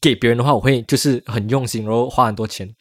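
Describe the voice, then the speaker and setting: Fast-talking man with a Malaysian Mandarin accent. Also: mid-range voice, steady tone, a bit bright, no room sound, studio quality. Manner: mixes English words into speech. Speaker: podcast co-host. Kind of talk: casual chat.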